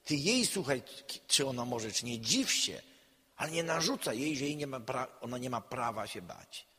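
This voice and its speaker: A man, a counselor, giving a public lecture in an emphatic way, swinging between loud and quiet. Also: mid-range voice, expressive, normal speed, breathy edge. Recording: long hall reverb.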